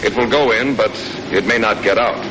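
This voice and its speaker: A fairly low-pitched American man speaks at normal speed, narrating like a 1940s military training film. His scripted instruction is matter-of-fact with folksy touches. The audio is a noisy old 1940s film soundtrack.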